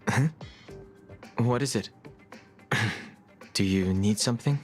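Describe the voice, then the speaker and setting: In a video game, a man plays a serious, guarded young man haunted by his past, speaking in a measured, reserved way with a wary mood. His voice is fairly low, with faint music behind it.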